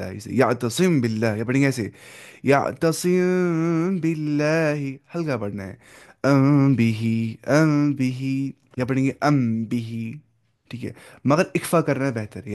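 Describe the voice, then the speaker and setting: A man teaching the rules of Quran recitation in a conversational lesson. He mixes in English words, often checks that students follow with "okay?", and slows down to demonstrate each recited example. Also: mid-range voice, a little mellow.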